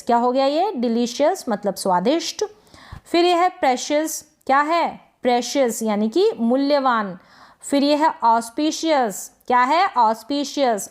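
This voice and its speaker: A woman teaching English pronunciation as a lesson, explaining rules and asking and answering her own questions. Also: a little high. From India. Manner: slow, careful spelling-out of sounds.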